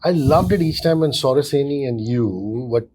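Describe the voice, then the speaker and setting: A man's voice: fairly high pitch, normal speed, dark tone, slight background noise. A man hosting an interview, asking long questions and heaping praise on his guests. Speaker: host.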